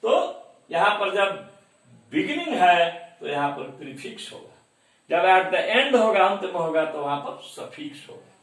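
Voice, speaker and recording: Slow, echoey male exam-prep teacher. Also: sits high, big pitch swings, fairly bright tone, far from the mic. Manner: explains step by step, mixing Hindi and English terms; reads English questions slowly, then explains.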